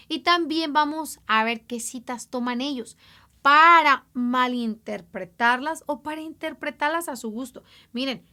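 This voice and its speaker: A woman giving an informal Bible lesson, speaking conversationally, asking her listeners rhetorical questions and drawing out words slowly for emphasis. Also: high voice, bright, forceful tone. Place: lives in an English-speaking country.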